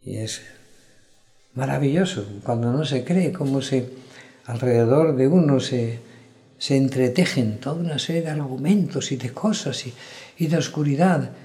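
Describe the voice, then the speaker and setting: A man preaches a sermon in a mid-range, dark-toned voice at a normal speed. He sounds earnest and reflective, often checking in with listeners through frequent "¿verdad?" asides.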